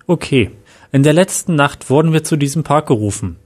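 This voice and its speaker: A man's voice: on the high side, animated, fairly quick, darkish tone. A man voicing a shaken male police inspector recounting events earnestly.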